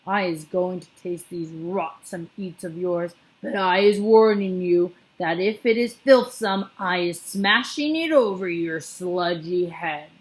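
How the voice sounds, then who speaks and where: A woman voicing a huge, greedy, brutish male giant who talks in a slow, booming growl. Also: natural voice. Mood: gruff, menacing.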